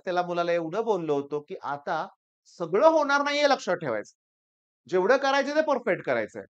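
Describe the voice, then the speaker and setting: Here a middle-aged man tutoring students gives an exam-prep talk, emphatic and urging, with anecdotes from his lessons. His voice is high, and the sound is lo-fi.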